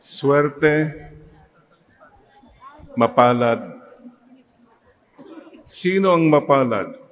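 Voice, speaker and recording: A priest with a Filipino accent preaches in a slow, deliberate way, switching between Tagalog and English. He leads his listeners in call-and-response. His voice sits at a mid pitch and rings out with a long church reverb. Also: lively intonation. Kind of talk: sermon.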